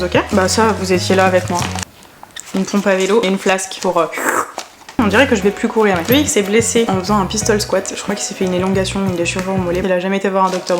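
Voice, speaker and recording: A tired young woman from France talks fast into a handheld phone while out on errands and at home. Her chat is casual and self-mocking, full of rambling asides, and music plays clearly behind her. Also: mid-range voice. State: exhausted. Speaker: vlogger. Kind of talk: casual vlog chat to camera. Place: car, shops and home, moving around.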